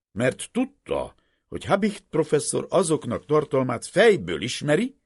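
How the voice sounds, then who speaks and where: A man voicing a cold, unfriendly male officer who interrogates in a creaky, harsh voice. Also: a bass voice, no room sound, studio quality, full character voice. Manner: harsh, icy questioning.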